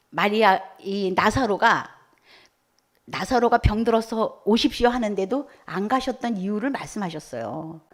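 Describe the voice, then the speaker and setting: Woman preaching, quizzing her congregation. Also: on the high side. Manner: asks the congregation questions and waits for replies; bursts out with hallelujah. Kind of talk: sermon to a congregation. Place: church service.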